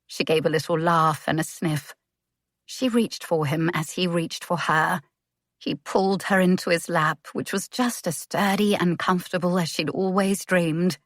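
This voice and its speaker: A woman narrating a romance audiobook in a measured, gentle way. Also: on the low side, no room sound, clean studio sound. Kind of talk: scripted narration.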